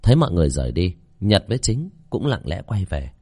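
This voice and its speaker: Guy reading a creepy story out loud, low voice that jumps around a lot, dry close sound. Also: quick pace, slightly rough, no room sound. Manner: lively, expressive storytelling. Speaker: narrator. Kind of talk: audiobook horror story narration.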